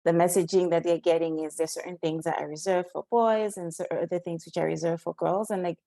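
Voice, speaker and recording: A young woman from Cameroon, a guest on a podcast, speaking in a thoughtful, measured way. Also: fairly low pitch, steady tone, mellow, no echo. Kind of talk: conversational interview.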